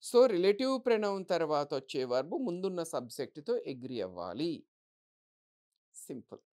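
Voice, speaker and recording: A woman's low-pitched, dark-toned voice is very animated in this exam-focused English grammar lesson. She asks the class questions and answers them herself, reading example sentences with slow deliberation.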